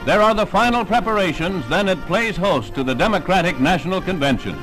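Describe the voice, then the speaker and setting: Male narrator for a vintage 1960s newsreel, formal announcer read with a slightly raised pitch, recorded over loud music. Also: expressive, brisk.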